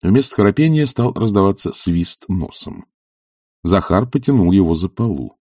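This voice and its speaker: Low husky guy reading a novel aloud, dry close sound, lots of pitch movement. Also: lively intonation, moderate pace, a little mellow, no echo. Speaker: audiobook narrator. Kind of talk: scripted narration.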